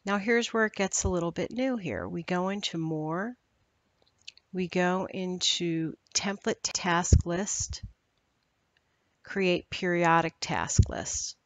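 A woman trainer walking through a screen-recorded software tutorial in a steady, instructional way. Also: lowish voice, takes it slowly, dry recording.

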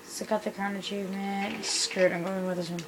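A young woman casually commentating a video game, hyper and laughing often, squealing into high pitches. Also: little pitch movement, fairly quick. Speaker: gameplay commentator. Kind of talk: casual let's-play commentary. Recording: background noise.

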